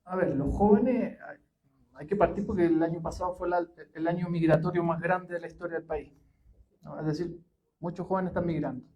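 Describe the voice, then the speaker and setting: A history professor giving a public talk, unhurried and full of pauses and fillers. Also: male voice, fairly high pitch, mellow, dull audio. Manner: measured, many pauses and fillers.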